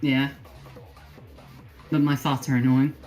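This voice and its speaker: A woman acting as game master, narrating an online role-play in a relaxed, wry way and laughing easily. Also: a bass voice, takes it slowly, soft background music.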